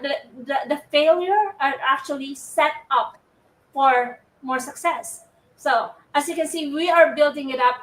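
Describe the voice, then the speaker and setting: High-voiced woman from the Philippines, echoey. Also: a bit bright, far from the mic. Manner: upbeat, rambling, frequent restarts. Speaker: live show co-host. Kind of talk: casual live-stream talk. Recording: roomy audio from away from the mic.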